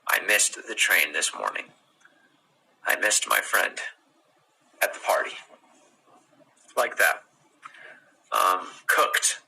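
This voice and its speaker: Casual American male pronunciation coach, low husky voice with a bright edge, repeats words slowly. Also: sing-song, rough recording. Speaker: pronunciation teacher.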